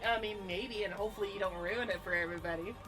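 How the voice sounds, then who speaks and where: A woman's voice: mid-range voice, quick pace. A woman chatting casually on her game stream, rambling and teasing. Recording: faint music behind the voice.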